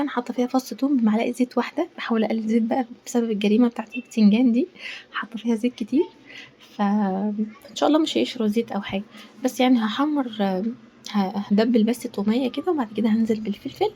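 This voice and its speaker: A woman with an Egyptian accent chats casually while cooking in her home kitchen, rambling along and often adding pious asides. Her voice sits on the high side and comes out very fast, warm in tone with a breathy edge.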